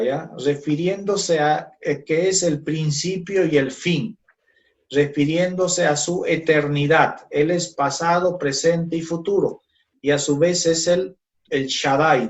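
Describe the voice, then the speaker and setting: A man teaches a Bible class in a slow, unhurried way, with a voice that sits a little high for a man. He keeps checking in with the class as he goes. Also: highs cut off. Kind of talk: Christology class.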